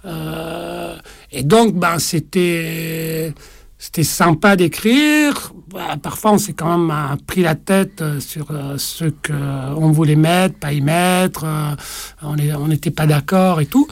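A man in his forties, born in Italy, talking about the book he co-wrote in an interview, pausing often with fillers and restarts. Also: fairly high pitch, creaky, no room sound. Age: 40s. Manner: hesitant, many fillers and restarts. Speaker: author. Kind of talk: interview conversation.

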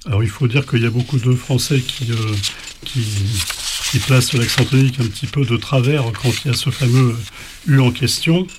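Male teacher, casual spoken lesson, halting delivery, faint hiss with clicks. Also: medium pitch, steady tone. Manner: hesitant, many fillers and restarts. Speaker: language teacher.

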